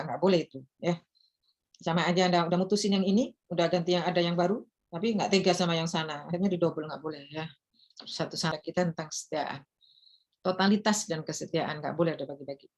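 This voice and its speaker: A woman lecturer teaching recitation rules, explaining each point and then chanting examples slowly and repeating words for her students. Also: on the low side, fairly even intonation, a little mellow.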